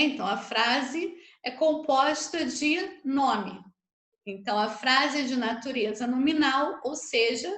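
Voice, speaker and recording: A woman's voice: high-pitched, fairly bright tone. A Brazilian Portuguese woman teacher giving an online grammar lesson, explaining patiently and checking in with her students often. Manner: slow, patient explaining with frequent tag questions. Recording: echoey room.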